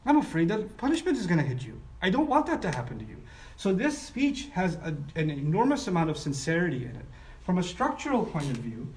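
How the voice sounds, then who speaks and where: A man teaching a structural lesson on scripture, animated and often voicing the speakers of the story as he explains. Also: high-pitched, recorded from a distance, a little hiss or hum. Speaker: Quran teacher. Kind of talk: lecture on scripture. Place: broadcast live online.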